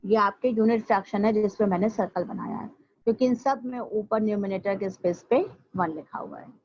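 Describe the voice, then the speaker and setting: A woman school teacher, patiently explaining a maths lesson step by step and slowing down to repeat things for her students. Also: medium pitch, darkish tone, no echo. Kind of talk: recorded online maths lesson. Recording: dry, dull lo-fi home recording.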